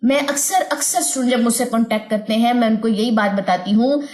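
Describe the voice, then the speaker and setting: A woman teaching recitation in a fairly high voice, patient and methodical. She stretches each sound out slowly and repeats it for her students. The room around her is echoey. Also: darkish tone. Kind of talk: online tajweed lesson.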